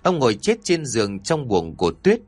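A man narrating a scripted horror story with dramatic, expressive delivery. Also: mid-range voice, moderate pace, dry recording.

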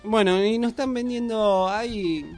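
Chatty Argentine man, high voice. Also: unhurried, darkish tone, faint music behind. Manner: chatty, joking. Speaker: radio host. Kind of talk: casual radio chat.

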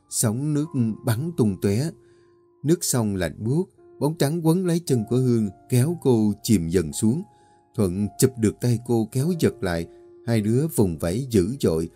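A man tells a scripted horror tale in a low, mellow voice. His delivery is steady and dramatic, with faint music underneath. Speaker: storyteller. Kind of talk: scripted horror story narration.

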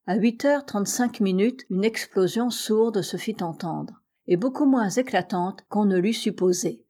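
A woman narrating a classic adventure novel as an audiobook, in a measured, even storytelling manner. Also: mid-range voice. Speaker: audiobook reader.

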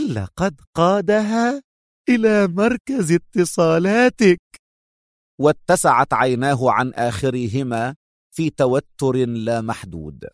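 Male storyteller, dramatic measured read, middle pitch, dry close sound. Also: no echo. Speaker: narrator. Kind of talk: scripted story narration.

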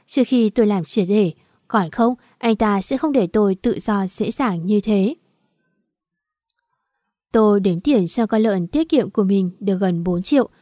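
A woman's voice: mid-range voice, no room sound, clean studio sound. A woman narrating a first-person audiobook story in an earnest, bitter tone. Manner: earnest, bitter, steady reading.

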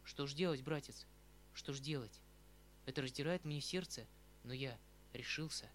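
A man's voice: medium pitch, moderate pace, fairly bright tone, a little hiss or hum, lightly acted. A man reading a fretful old uncle. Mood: resigned. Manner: emotional, rambling, pleading. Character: tender, fretful aging uncle, a retired colonel. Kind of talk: audiobook reading of a classic novel. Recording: faint background music.

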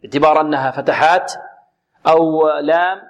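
A middle-aged man teaching Quran recitation rules. He recites words slowly and drawn out, then explains and corrects quickly, asking questions and answering them himself. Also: a little high, fairly even intonation. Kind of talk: tajweed lesson with recited examples.

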